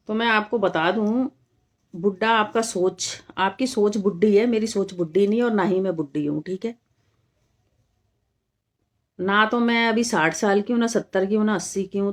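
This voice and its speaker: Middle-aged Indian woman talking straight to viewers. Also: mid-range voice. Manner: talks straight to viewers, firm and rebutting, repeats points for emphasis. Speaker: live-stream host reading viewer comments. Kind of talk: casual live-stream chat.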